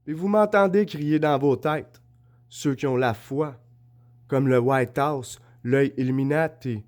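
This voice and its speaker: A man with a Québécois French accent talks straight to camera in a rambling, insistent monologue. He keeps asking whether he is understood and holds up his notes and drawings as he goes. His voice sits at an ordinary middle pitch for a man. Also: slow pace, a little mellow. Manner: shows notes and drawings while talking. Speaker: vlogger.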